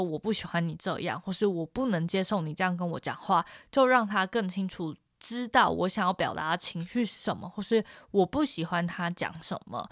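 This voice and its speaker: A young woman with a Taiwanese Mandarin accent, hosting a podcast and frankly telling a personal story in a casual, animated monologue. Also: on the low side, no room sound, studio quality. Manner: frank, animated retelling with emphatic repetition. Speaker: podcast host.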